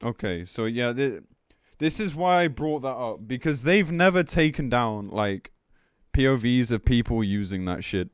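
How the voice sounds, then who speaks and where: A game streamer comments on news in a casual livestream rant, reading and reacting in a blunt, sweary, exasperated way. His medium-pitched voice is animated and clean, at a moderate pace with few pauses. The sound is clean studio audio with no room sound.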